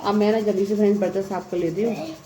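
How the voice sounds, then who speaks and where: A woman's voice: mid-range voice, steady tone, fast. A woman in her thirties, a mother chatting casually while doing housework, rambling and laughing often. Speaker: vlogger and mother. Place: home bathroom. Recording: echoey room with faint ambience.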